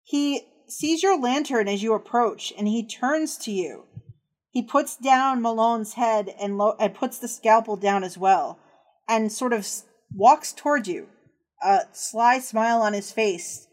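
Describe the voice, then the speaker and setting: A woman with a somewhat high voice runs a tabletop horror game. Her narration is hushed and suspenseful, with deliberate, descriptive scene-setting. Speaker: game master.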